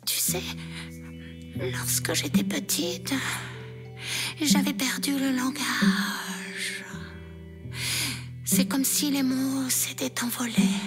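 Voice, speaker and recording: A woman voicing a small, childlike female daisy in a storybook tale, soft and hushed at times, with live guitar and percussion. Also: high voice, extremely slow, long pauses. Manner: squealing with joy, soft and hushed. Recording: loud live music under voice.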